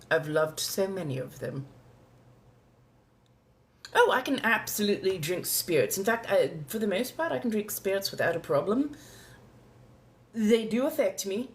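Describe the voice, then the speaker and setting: A woman's voice: mid-range voice, animated. A woman playing an ancient, genteel female vampire with a posh colonial accent, speaking formally and courteously as she chats live in character. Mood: poised, amused. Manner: refined, formal, old-fashioned wording, drawn-out deliberate phrasing. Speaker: livestream host answering viewer questions. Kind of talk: in-character live question-and-answer chat.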